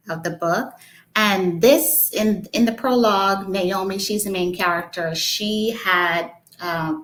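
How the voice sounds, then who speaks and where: A woman's voice: fairly low pitch, fairly bright tone, low-quality recording. A woman from the Bahamas, an author talking hesitantly, with frequent ums, and reading from her book.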